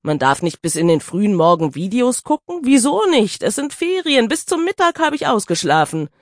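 A woman narrating an audiobook with expressive, lively storytelling. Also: on the high side, normal speed, no room sound, clean studio sound.

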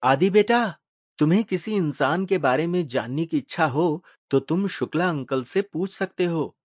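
A man voicing a friendly middle-aged father in an audiobook story, speaking gently to his son. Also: a little high, animated, a little slow, no echo, clean studio sound, voice pushed up. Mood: gentle.

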